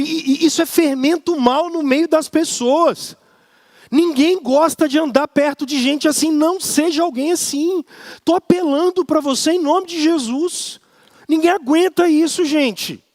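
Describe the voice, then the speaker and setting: A man's voice: very high voice, dry recording, clean studio sound. A man with a Brazilian accent preaching a sermon as pastor, emphatic and repetitive, often mimicking grumbling people. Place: church service.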